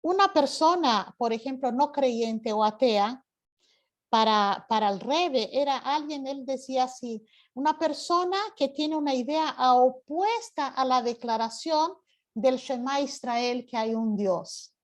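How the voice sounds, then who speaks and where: A woman's voice: high-pitched, a little slow. A woman teaching an online class over a video call, explaining patiently and often asking rhetorical questions.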